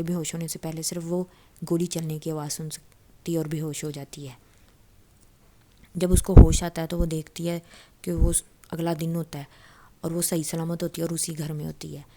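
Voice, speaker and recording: A woman's voice: low-pitched, warm tone. A woman casually retelling a novel's story in her own words, paraphrasing the characters' dialogue with loose fillers and restarts.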